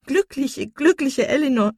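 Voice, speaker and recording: A woman's voice: sits high, expressive, unhurried, darkish tone, no room sound, studio quality, pitched above the performer's own voice. A woman reading an audiobook and voicing a distraught young woman, pleading and desperate. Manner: desperate, pleading, sobbing outbursts.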